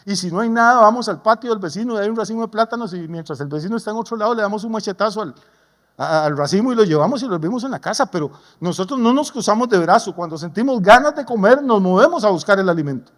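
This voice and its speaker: A man preaches a sermon with a high voice, mixing folksy humor and homely stories into his teaching. His voice carries a long reverb from a church sanctuary. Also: expressive, fast. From Costa Rica. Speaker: pastor.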